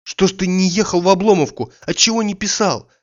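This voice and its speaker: A man's voice: high voice, fairly quick, lo-fi sound, pitched above the performer's own voice, natural voice. A man voicing an urgent, pressing old friend. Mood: urging. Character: energetic insistent grown man, old friend.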